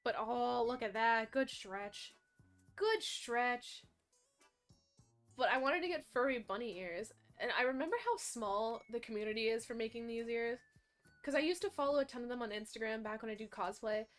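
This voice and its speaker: A young woman, chatting casually and rambling with her stream audience, animated and often correcting herself. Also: a little high, quick pace, faint music behind.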